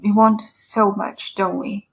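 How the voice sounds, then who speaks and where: A woman voicing a frail, dying male writer who speaks in a soft, half-whispered, weary and rambling way. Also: mid-range voice, flat delivery, slow pace, vocal fry, soft background music. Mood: wistful. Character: frail dying middle-aged male writer, self-deprecating.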